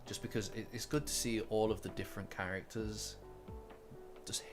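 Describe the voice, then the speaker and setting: A man with a lowish, fairly even voice at normal speed hosts a casual manga commentary livestream. He rambles with many fillers, repeated words and restarts, while faint lofi guitar music plays behind him.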